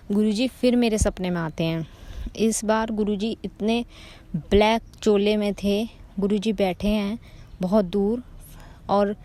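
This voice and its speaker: A woman's voice: mid-range voice, warm tone. A woman in her thirties telling a devotional testimony to a congregation, earnestly and often addressing her listeners directly. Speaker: devotee sharing a personal testimony.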